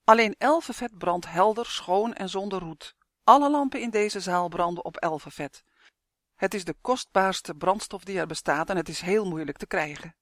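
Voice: mid-range voice, moderate pace, no room sound, studio quality, lightly acted. A reader doing a slimy scheming kobold king. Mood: boastful. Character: sly greedy kobold king, male, grumbling.

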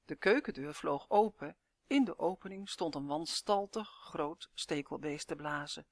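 A woman's voice: low-pitched, unhurried, dry recording, studio quality. Woman reading a children's story aloud. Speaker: narrator.

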